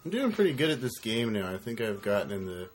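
A man's voice: on the low side, big pitch swings, quick pace, soft background music. A man giving casual, joking, rambling commentary while playing a retro game as co-host.

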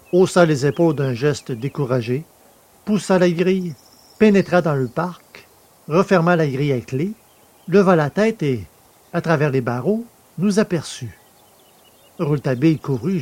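A man narrating a story in the first person, in a measured storytelling manner. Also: on the high side, a little mellow, husky.

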